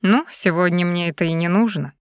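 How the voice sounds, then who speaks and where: A woman reading as a smug, husky male lover. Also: lowish voice, a little fast, no echo, clean studio sound, lightly acted. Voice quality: slightly husky.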